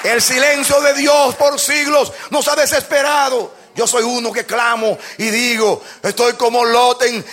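A man preaching a sermon, loud and impassioned, leading his congregation in call-and-response. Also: very high-pitched, little pitch movement, unhurried, hardly any pauses, a faint crowd, slight background noise. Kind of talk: fervent sermon.

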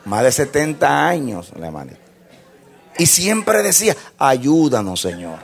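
A male pastor preaching a sermon, telling a story with acted-out dialogue, laughing often, and moving between hushed asides and loud exclamations. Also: medium pitch, big pitch swings, measured pace, creaky, noisy background.

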